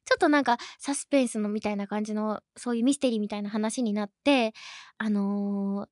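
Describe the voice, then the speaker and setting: A woman's voice: mid-range voice, brisk, no echo, studio quality. A young woman hosting a podcast in casual chat, telling stories in a chatty way and laughing often. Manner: lively and chatty. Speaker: podcast host.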